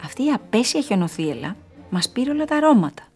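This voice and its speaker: A woman doing an excited high rose prince. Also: faint music behind.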